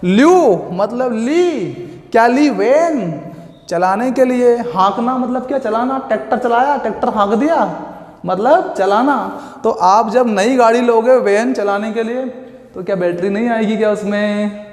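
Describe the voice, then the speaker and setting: A man teaching an exam coaching class, playful and drawn-out, repeating key words slowly as memory tricks. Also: very high-pitched, darkish tone. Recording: echoey long-reverb room.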